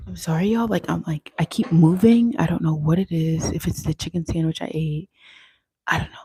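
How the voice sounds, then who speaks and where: A woman's voice: sits low, steady tone, a little fast, dark tone, a little hiss or hum. A young woman teaching makeup on a casual livestream, chatty and often checking in with "okay?".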